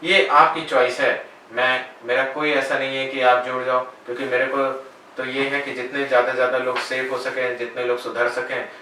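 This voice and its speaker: A man who works as a spiritual guide and meditation teacher, giving calm, measured answers in an interview. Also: medium pitch. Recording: very echoey room, voice far from mic, faint noise.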